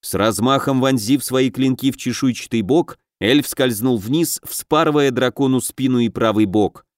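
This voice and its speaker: Male audiobook narrator, mid-pitched, dry close read, steady storytelling. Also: moderate pace, no echo. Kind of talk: scripted narration of a fantasy game novel.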